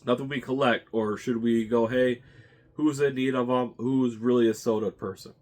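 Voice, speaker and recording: A man's voice: medium pitch, fairly even intonation, moderate pace, a little mellow. Man, congested, casual unboxing chat, rambling, host, stuffy-nosed. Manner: rambling, thinking aloud. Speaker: channel host.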